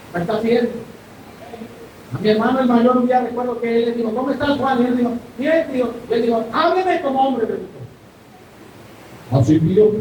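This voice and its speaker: A male pastor, preaching a sermon and often asking the congregation if they follow. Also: a little mellow. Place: church hall. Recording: echoey room, distant mic, faint rumble.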